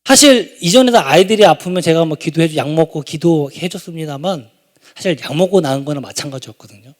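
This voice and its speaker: A man in his thirties preaching a sermon and telling a story from his own family. He is animated and moves from quiet asides to loud exclamations. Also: a little high, quick pace. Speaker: pastor. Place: church sanctuary.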